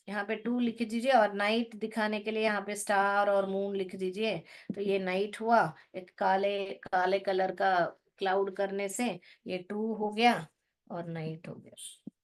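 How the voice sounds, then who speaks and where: A woman teaching an English phonics lesson, patiently repeating and drilling words while mixing English into her explanations. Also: medium pitch. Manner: mixes English words into instruction.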